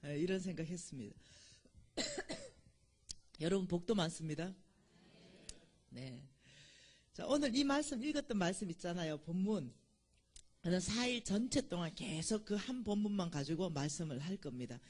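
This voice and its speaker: A woman's voice: fairly low pitch, sing-song, normal speed, pauses often, a little mellow. A woman, giving a church lecture in a chatty, storytelling way and laughing at her own jokes. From Gyeongsang Province, South Korea. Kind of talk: church lecture with humorous anecdotes.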